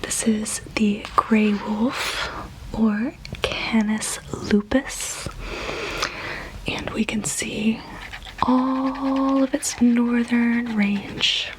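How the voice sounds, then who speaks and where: A woman whispering softly and breathily in an ASMR style, gently reading nature facts aloud without hurry. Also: on the high side, fairly even intonation, noisy background. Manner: soft, unhurried, gentle.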